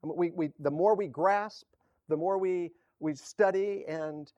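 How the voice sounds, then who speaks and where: Pastor, male, casual halting sermon delivery, unhurried, dry close sound. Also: high voice, warm tone, no room sound, highs cut off. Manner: halting, self-correcting, chuckles often.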